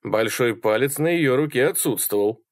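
A man reading a horror story aloud as an audiobook narrator, in an expressive, dramatic way. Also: medium pitch, normal speed, dry recording, studio quality.

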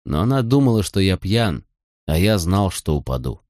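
Guy reading an audiobook, hushed and low, lots of movement in his voice. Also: very animated, normal speed, no echo, clean studio sound. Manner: low, hushed, subdued narration. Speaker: audiobook reader. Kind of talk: scripted narration.

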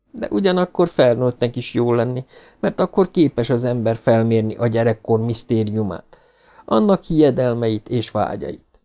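Steady and measured, this male narrator delivers a novel as scripted audiobook narration, his pitch sitting at a medium level.

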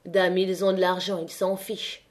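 A woman voicing a weary, fatalistic old retired miner who speaks slowly in a murmur. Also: on the low side, flat delivery, close to an everyday voice. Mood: bitter. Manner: slow, murmured.

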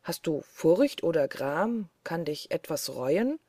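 A woman's voice: sits low, big pitch swings, slow, dark tone, breathy edge, no echo, clean studio sound, full character voice. A woman reading the lines of a huge, greedy and sly male forest giant who mocks and boasts. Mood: boastful. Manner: mocking, boastful.

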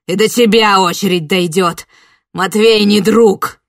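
A wish-granting spirit wearing a young man's shape, lowered and husky, as a woman reader puts him on. His soft, caressing tone hides menace and breaks into snarling rage. The audiobook recording is dry and close. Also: steady tone, normal speed, dry recording. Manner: soft and eerily gentle, then snarling. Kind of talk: audiobook character voice.

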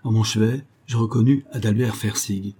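A man's voice: on the low side, fairly even intonation, moderate pace, dark tone, breathy edge. A man voicing a distressed young army lieutenant telling of his capture, read aloud in an earnest first-person manner. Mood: tense. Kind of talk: audiobook reading.

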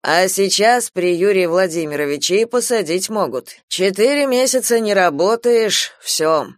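A woman voicing a cheerful, self-assured middle-aged man who teases gently. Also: medium pitch, animated, normal speed, no echo, clean studio sound, natural voice. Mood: warning. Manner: jovial, teasing.

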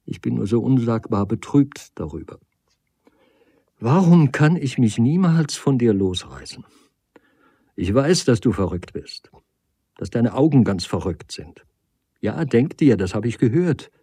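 A man's voice: mid-range voice, big pitch swings, measured pace, pauses often, dark tone, breathy edge, no room sound, heavily acted. A man reading the part of a desperate woman who weeps, pleads and reproaches her lover. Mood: pleading. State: crying.

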